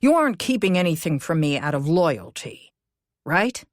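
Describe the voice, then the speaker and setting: A woman narrator voicing a calm, cautious man who explains things in a measured way in a cozy mystery audiobook. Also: deep voice, dry recording, clean studio sound. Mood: concerned.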